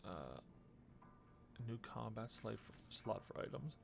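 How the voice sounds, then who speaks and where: A video game streamer in his thirties gives casual let's play commentary from a small room at home, thinking aloud in muttered fragments. His voice is lowish and gravelly, very animated yet slow-paced. Loud video game music plays behind him.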